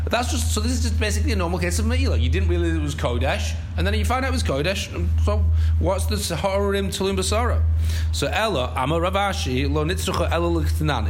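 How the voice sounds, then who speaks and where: A man's voice: on the high side, a little mellow. A man giving a chatty Talmud lesson, reading and explaining line by line, mixing in Yiddish and Aramaic terms with a sing-song lilt when quoting. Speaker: religious teacher of Talmud.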